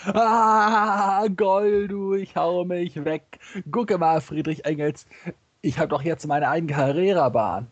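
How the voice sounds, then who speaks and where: A man voicing a goofy, childish, excitable male buddy in a comedy story, with slangy bro talk and cackling laughs. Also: on the high side, normal speed, breathy edge, no echo, highs cut off. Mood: giddy.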